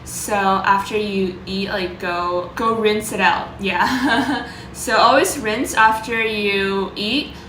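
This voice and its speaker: A woman vlogger talking informally about her own experience, loosely worded and pausing to search for words. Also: mid-range voice, fairly bright tone, reverberant, a little hiss or hum, poor audio. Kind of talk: casual vlog talk, sharing personal experience and tips.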